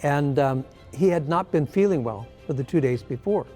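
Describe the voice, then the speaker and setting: An older man, formerly artistic director of a ballet company, tells a funny backstage story over a video call in casual conversation. His voice is a little high and moderately paced, soft music plays behind, and he's an animated storyteller with lots of "um" fillers.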